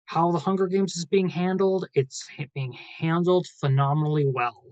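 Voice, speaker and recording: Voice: mid-range voice, fairly even intonation, moderate pace, darkish tone, dry recording, dull audio. A podcast co-host in a casual group discussion, making sassy, emphatic asides.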